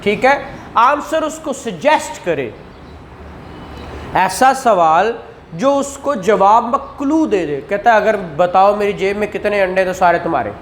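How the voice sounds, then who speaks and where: A Pakistani law lecturer with a high voice and lively intonation teaches a class without hurrying, explaining points through rhetorical questions and acted-out examples. Slight background noise is audible.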